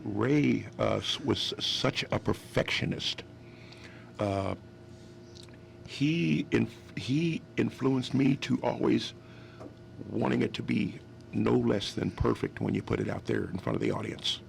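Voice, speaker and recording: A man's voice: mid-range voice, very animated, slow pace, gravelly, a little hiss or hum. A man in his fifties from West Virginia telling stories as a guest on a radio interview, rambling and restarting his sentences often. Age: 50s. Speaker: guest musician.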